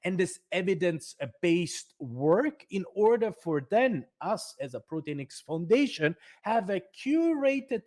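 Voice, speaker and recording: A man's voice: high-pitched, darkish tone. A man presenting career advice for a nonprofit foundation, speaking emphatically with many fillers and restarts.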